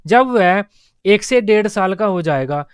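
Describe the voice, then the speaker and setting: Guy teaching an exam prep class, high clear voice, dry close mic, goes over stuff again and again. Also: lively intonation, measured pace, dry recording. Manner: explains step by step, repeats key points.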